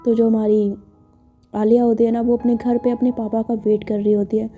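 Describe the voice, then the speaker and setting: A woman's voice: a little high, flat delivery, normal speed. A woman narrating a story casually and chattily, with frequent fillers. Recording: muffled lo-fi with faint music.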